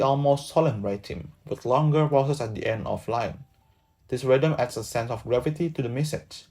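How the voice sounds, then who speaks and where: Young man reading a lesson, mellow. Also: mid-range voice. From Indonesia. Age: young adult. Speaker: student presenter. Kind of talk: reading a prepared lesson script.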